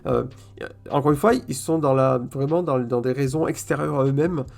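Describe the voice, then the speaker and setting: Man, vlogger, gravelly voice, average pitch, slangy casual monologue, lots of fillers and repeats, talks straight to viewers. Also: normal speed, a little mellow. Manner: colloquial, repeats words and fills with "euh" often; addresses viewers directly, "si vous voulez", "ok?". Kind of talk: casual opinion monologue to camera.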